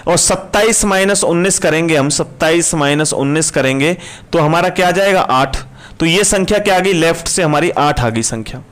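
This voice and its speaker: A man's voice: a little high, a bit bright. A male teacher running a live online reasoning class, repeating questions and answers to his students as he works through problems. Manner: brisk, repetitive questioning of students.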